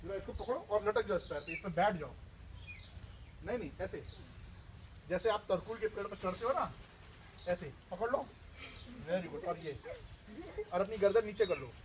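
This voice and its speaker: A man teaching village children outdoors, lively and full of questions to them. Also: sits high, normal speed, pauses often, a little hiss or hum. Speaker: outreach trainer.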